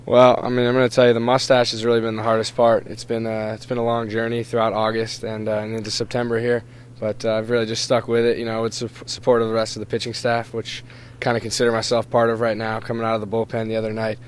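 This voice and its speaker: A man's voice: lowish voice, monotone, fast talker, slight background noise. A man, a ballplayer, answering an interview question in a mock-serious, playful way. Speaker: baseball player.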